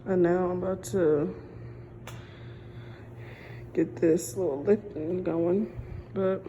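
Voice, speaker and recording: A woman's voice: fairly low pitch, steady tone, slow pace, dark tone, highs cut off. A woman casually talking to her viewers in a vlog from the gym and her car, chatty and cussing freely, calling them y'all. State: out of breath. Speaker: vlogger. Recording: noisy phone recording, ambient background.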